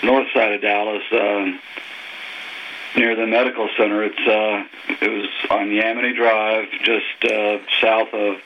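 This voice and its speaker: An older man from Texas, a former diver, recalling his youth in a phone interview, talking unhurriedly with many pauses and ums. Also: fairly low pitch, flat delivery. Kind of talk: phone oral history interview. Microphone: telephone. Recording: muffled phone line with faint noise.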